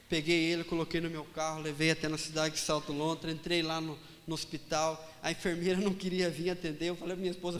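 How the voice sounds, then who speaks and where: A pastor telling a personal story in a sermon, animated and dramatic, acting out the dialogue. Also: male voice, on the high side, in a large hall.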